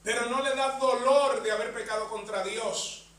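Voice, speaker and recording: In an echoey church hall captured by a far-off mic, a man delivers a sermon in a very high-pitched, fairly bright voice, steady in tone and moderate in pace. He keeps inserting amen and "bendito sea el Señor" between phrases.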